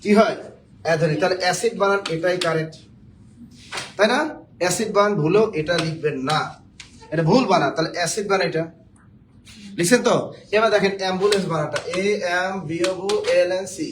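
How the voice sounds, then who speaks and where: Male teacher, high-pitched, quick, jokey, quizzes the class, faint background hiss. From Bangladesh. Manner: joking, quizzes the viewers. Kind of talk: spelling lesson for job exams.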